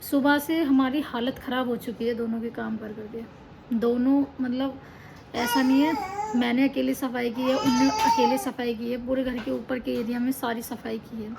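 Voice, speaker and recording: A woman's voice: fairly high pitch, level tone, moderate pace, creaky. A tired young woman chatting in a casual home vlog, talking indoors with children playing and crying nearby. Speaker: vlogger. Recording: noisy home recording.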